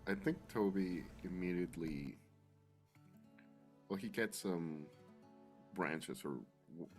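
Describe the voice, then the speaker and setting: A man playing a tabletop role-playing game, improvising narration of what his character does. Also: sits low.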